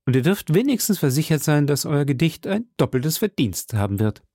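An eager, quick-witted young musketeer, put on by a man reading aloud in a storybook, brisk and teasing. His voice sits raised and lively, close and dry. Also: fairly high pitch, dry recording, voice pushed up.

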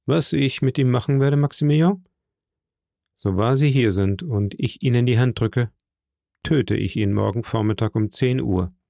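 A man voicing an icy, composed nobleman who speaks with unshakable calm. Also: medium pitch, moderate pace, gravelly, no room sound, studio quality, natural voice. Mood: calm menace.

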